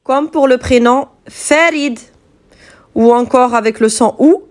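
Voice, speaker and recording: A woman teaching Quranic letters step by step, patient and clear, spelling out sounds slowly and distinctly. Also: high-pitched.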